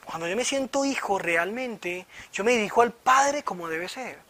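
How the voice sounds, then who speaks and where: High, bright-voiced man preaching. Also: normal speed. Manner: animated storyteller who acts out voices. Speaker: church teacher leading a retreat session. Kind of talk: informal sermon with personal stories. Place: indoor meeting room with slides.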